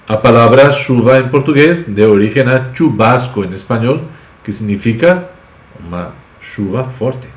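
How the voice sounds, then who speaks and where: Speaking in an unhurried, mid-range voice with lively intonation, a native Spanish speaker from the Basque Country in Spain teaches an informal live language lesson. He has a Spanish accent and explains words through examples, and the sound is reverberant.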